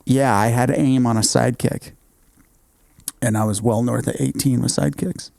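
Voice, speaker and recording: A man's voice: medium pitch, steady tone, moderate pace, creaky, darkish tone, dry recording, clean studio sound. A man in his thirties, co-hosting a podcast in casual chat, laid-back and laughing often. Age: 30s. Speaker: podcast co-host.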